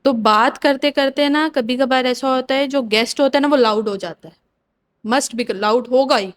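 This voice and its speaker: A young adult woman speaking as a podcast guest in casual, opinionated chat, mixing English words into her speech. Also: sits high.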